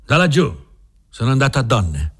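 A man's voice: medium pitch, big pitch swings, normal speed, a bit bright, breathy edge, pitched above the performer's own voice. A man reading an audiobook plays a cocky, reckless seventeen-year-old who talks brashly. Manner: brash and dismissive.

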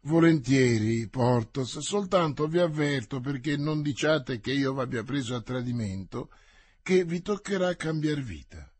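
A man reading the part of a shrewd, persuasive male musketeer in an audiobook, in a measured way. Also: medium pitch, expressive, a little mellow, slightly rough, no room sound.

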